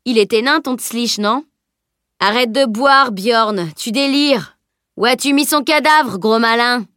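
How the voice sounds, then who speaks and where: A woman's voice: a little high, normal speed, a bit bright, no room sound, clean studio sound, pitched above the performer's own voice, natural voice. A woman voicing a mocking male drinker at a tavern table in an audiobook, teasing and jeering. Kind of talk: audiobook character voice.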